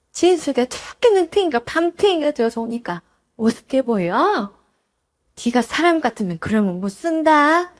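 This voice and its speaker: A woman doing a nagging old mother-in-law. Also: sits high. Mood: scolding. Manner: nagging, shouting, jabbing reproaches. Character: scolding older mother-in-law, bossy and quick to anger.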